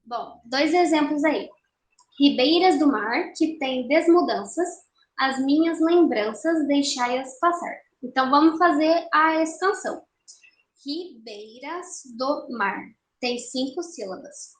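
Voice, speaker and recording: A young woman with a high voice gives a recorded literature lesson. She explains step by step and slows down to count syllables one by one. The sound is roomy, with a clear echo. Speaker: teacher.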